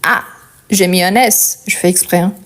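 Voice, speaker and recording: A woman's voice: fairly low pitch, fairly even intonation, moderate pace. A woman with a Portuguese accent teaching a French conjugation lesson, explaining patiently step by step and checking in often with the learner.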